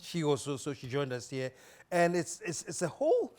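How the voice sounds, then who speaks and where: Higher-voiced male talk show host. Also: huge pitch swings, normal speed, darkish tone. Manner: reactive, exclaiming, frequent affirmations. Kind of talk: casual interview.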